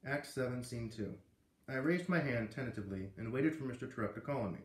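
With a mid-range, expressive voice and a fast delivery, this thirty-something host reads a storybook in his living room and drops in chatty comments. The camera sits a few feet away, so the home recording sounds roomy and echoey.

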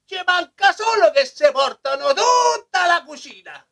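A woman's voice: very high voice, expressive, unhurried, vocal fry, fairly bright tone, heavily acted. A woman voicing a grumbling, complaining picnicker puppet with a colloquial central Italian accent in a children's show.

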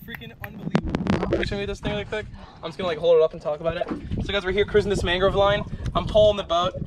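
A man giving energetic, slangy fishing commentary from a small boat on shallow flats, talking to the camera. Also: high-pitched, racing. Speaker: fishing vlogger and boat guide. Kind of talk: excited outdoor fishing commentary. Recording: outdoor recording with loud wind and water noise.

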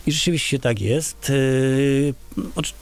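Speaking slowly in a mid-range voice, a middle-aged man from Poland who heads his local village responds to interview questions, often restarting and using filler sounds. He's indoors in a small radio studio, on a large studio mic mounted on a boom arm.

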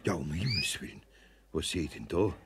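A man's voice: extremely low pitch, sing-song, a little fast, background noise, heavily acted. An older man with a Bavarian accent playing an old master carpenter in a radio play, grumbling and exclaiming to himself. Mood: worried muttering. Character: old master carpenter, gruff but caring.

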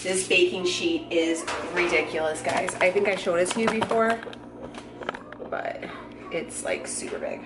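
Loud music plays beneath this American woman's lowish, expressive voice as she talks unhurriedly through a cook-along vlog. She jokes about herself and uses plenty of fillers, and the roving camera mic picks up an echoey, noisy kitchen.

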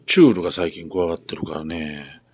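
Low-voiced Kansai man coaxing a cat. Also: a little fast, husky. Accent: Kansai Japanese. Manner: soft, coaxing murmurs to the cat. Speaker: cat shelter keeper. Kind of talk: casual talk to a cat while filming. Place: indoor cat shelter room.

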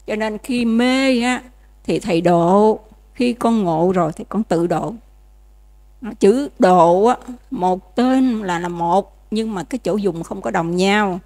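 A nun, giving a dharma lecture in a conversational way and often checking that listeners follow. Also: female voice, mid-range voice, slow pace, darkish tone. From Vietnam. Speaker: Buddhist nun teaching.

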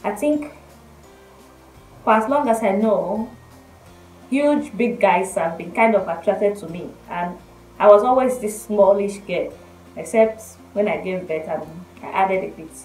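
Nigerian woman with soft, imprecise R's, roomy sound. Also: mid-range voice, a little slow. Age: young adult. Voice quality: cannot pronounce R's well. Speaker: vlogger. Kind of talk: casual story-time chat to camera. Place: small bedroom indoors. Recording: roomy echo, faint music behind. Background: faint music.

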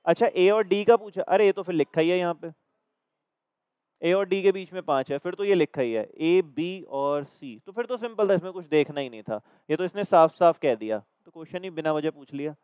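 A man with a Hindi accent explains exam questions to a class, step by step. His voice is high and smooth. The recording is dry and slightly dull. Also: brisk, no room sound. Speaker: reasoning teacher.

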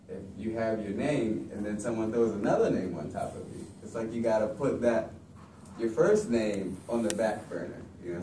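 A young man with a lowish voice teaches about capoeira in informal classroom talk, relaxed and conversational, often saying "you know." He's in a large indoor classroom, recorded by a far camera, so the sound is echoey with background noise.

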